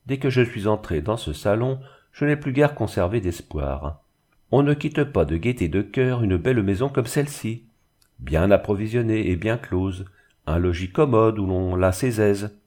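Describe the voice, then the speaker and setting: Man playing fawning bailiff, honeyed and unctuous, raised pitch, audiobook. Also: lively intonation, normal speed, darkish tone. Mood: wheedling. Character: obsequious smooth-talking village bailiff, middle-aged man.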